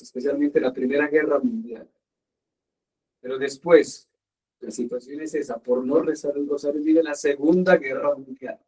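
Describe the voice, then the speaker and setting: Priest preaching earnestly from a distance. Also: male voice, fairly high pitch, darkish tone. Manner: earnest, slow emphatic preaching with pauses. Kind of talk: sermon.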